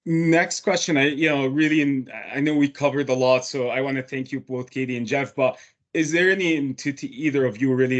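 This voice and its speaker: A man hosting a webinar interview on a video call, enthusiastic and quick to affirm his guests. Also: medium pitch, lo-fi sound. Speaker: host.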